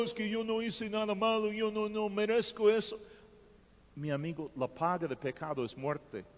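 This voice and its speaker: A man preaching a sermon as pastor, emphatic, swinging from loud to hushed. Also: high-pitched, long reverb tail. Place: church hall.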